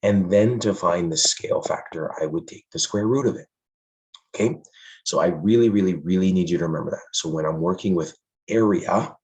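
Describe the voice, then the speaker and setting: A man's voice: deep voice, poor audio. A male math teacher, losing his voice, explains a lesson in a friendly way and stresses the key points to his students.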